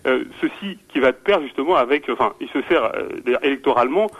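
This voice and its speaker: A male radio-show caller speaks over a phone line, his voice sitting in an ordinary middle pitch. He talks in a halting way, full of restarts and repeated words. He lays out earnest, intellectual questions for the guests. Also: expressive, a bit bright. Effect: caller heard over a phone line on a radio show. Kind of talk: calling in to a radio debate.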